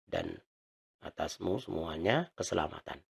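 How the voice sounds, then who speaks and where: A male Arabic teacher talks at a slow, unhurried pace with a gravelly rasp in his voice. He explains patiently and draws words out, repeating them for his students. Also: rumbling low, wildly swooping pitch.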